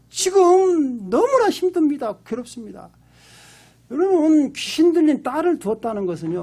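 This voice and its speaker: A man's voice: sits high, gravelly, darkish tone, breathy edge. A man, a Korean pastor, preaching a sermon with emphatic storytelling and acted-out pleas. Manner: emphatic storytelling, acts out pleading voices.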